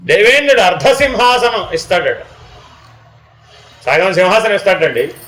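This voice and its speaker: A man's voice: high-pitched, animated, moderate pace, fairly bright tone, poor audio. A man giving a spiritual discourse, often asking his listeners questions and acting out small dialogues. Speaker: spiritual teacher.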